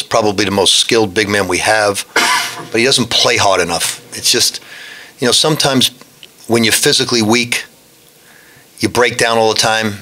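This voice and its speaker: A man's voice: lowish voice, bright, forceful tone. A man in his sixties, a head basketball coach answering reporters frankly at a post-game press conference, speaking into a desk microphone and often restarting his sentences. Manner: blunt, frank, with frequent restarts. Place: press room in front of a backdrop.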